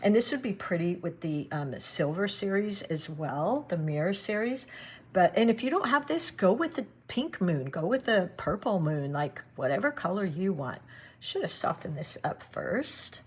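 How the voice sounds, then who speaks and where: A woman giving a relaxed watercolor painting demonstration, thinking aloud as she works and chatting to her viewers. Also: lowish voice, moderate pace, breathy edge. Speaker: watercolor art teacher.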